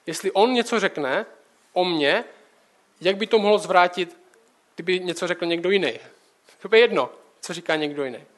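Young guy with a high voice doing a chill sermon, keeps asking the listener questions. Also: a bit bright. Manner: conversational, direct address with rhetorical questions. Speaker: preacher.

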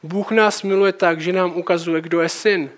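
Male preacher, high-pitched, alternates Bible reading with relaxed everyday commentary. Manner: reads scripture, then comments casually.

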